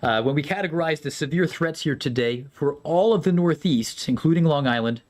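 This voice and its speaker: A man, a meteorologist, giving live severe weather commentary in a conversational way with many fillers and lively swings in pitch. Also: a little fast.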